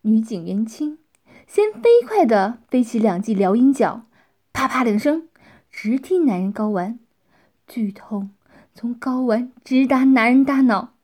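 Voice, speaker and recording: Slow, high-voiced woman narrating. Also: animated. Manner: drops into soft, half-whispered passages. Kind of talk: storytelling narration.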